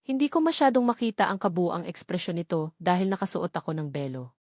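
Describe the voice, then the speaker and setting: A woman reading a romance novel aloud as the narrator, in a soft, emotional storytelling manner. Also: fairly low pitch, big pitch swings, brisk, no room sound, studio quality.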